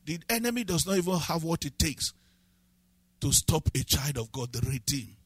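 A man preaching a sermon as pastor, building from calm scripture reading to shouted, sing-song emphasis. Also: a little high, normal speed, husky, no room sound.

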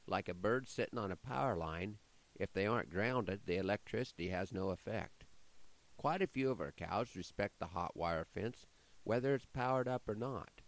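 A man's voice: deep voice, rough recording. A man with a rural American accent, hosting with folksy, wry scripted ranch storytelling. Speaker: radio host and rancher.

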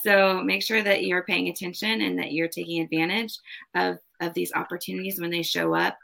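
Woman, heavy vocal fry, lowish pitch, forceful tone, casual card reader, emphatic advice. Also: fairly even intonation, brisk. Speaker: tarot card reader and host. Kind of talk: casual spoken card reading.

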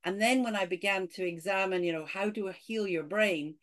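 A middle-aged woman from Scotland with a Scottish accent, a podcast guest talking in an animated way and saying "you know" a lot. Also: mid-range voice, fairly quick. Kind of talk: casual interview talk.

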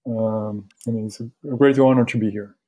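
Man, Carioca Brazilian accent, native Portuguese speaker, soft dark timbre, halting, courteous, casual interview guest. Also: fairly low pitch, steady tone. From Rio de Janeiro, Brazil. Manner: halting, repeats words, courteous. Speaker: podcast guest, university academic.

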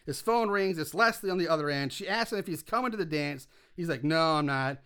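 A man's voice: sits high, expressive, quick pace, pushed and bright. A man co-hosting a casual podcast, recapping a movie scene by scene, chatty and swearing, with frequent laughs.

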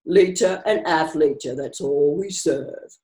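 A man's voice: a little high, slow, a little mellow. A woman playing a curt, scornful barman. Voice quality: curt, dismissive. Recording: roomy echo.

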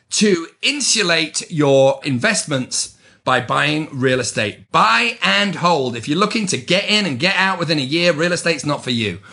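A middle-aged man hosting a podcast as a real estate agent, giving advice in an emphatic, gushing sales pitch and stretching key words for stress. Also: bright, forceful tone. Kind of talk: solo podcast advice monologue.

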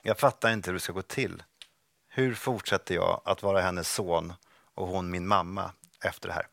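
A man reading a first-person passage from his own book aloud, slow and restrained, over a video call. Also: sits low, steady tone, gravelly, fairly bright tone.

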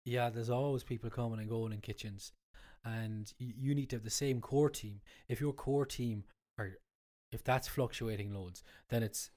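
An Irish guest from Cork, a cook who teaches cookery classes, has a cold that leaves his voice congested and stuffy-nosed. His medium-pitched voice is fairly even, moderately paced and a little mellow as he explains things casually, often repeating his points.

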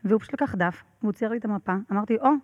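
Woman guest, casual storyteller, lively, many fillers, dry muffled lo-fi sound. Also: mid-range voice, no echo. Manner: animated, laughs often, many fillers. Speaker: podcast guest.

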